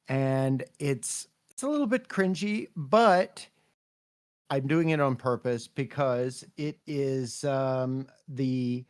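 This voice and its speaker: A man co-hosting a casual livestream, explaining slowly and thinking aloud. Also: medium pitch, a little mellow, dry recording, studio quality. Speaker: co-host. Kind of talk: casual livestream workshop chat.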